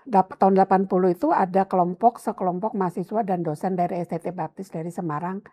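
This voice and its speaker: Older lady pastor, husky dark voice, animated storyteller. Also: fairly low pitch, fast. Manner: animated storytelling, acts out her mother's and her own past words. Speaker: pastor, interview guest. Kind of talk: telling her life story in an interview.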